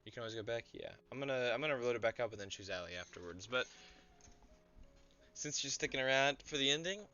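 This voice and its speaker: A man's voice: medium pitch, expressive, a little fast, pushed and bright. A young man streaming a story game, reading the narration aloud and chatting to viewers between scenes. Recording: dull lo-fi audio, faint music.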